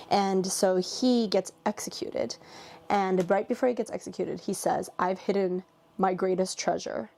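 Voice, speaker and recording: A woman's voice: mid-range voice, creaky, mellow. A woman giving a casual, chatty recap in a video, dropping in "okay" and "like" as she goes. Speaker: anime reviewer and vlogger.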